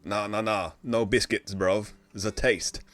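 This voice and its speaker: A man doing a boastful, slangy guest whose put-on accent drifts between places and never lands anywhere. He talks loud and pushy, hyping everything up with a fairly low voice. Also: fairly even intonation, moderate pace. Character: male strain guest with a muddled put-on accent.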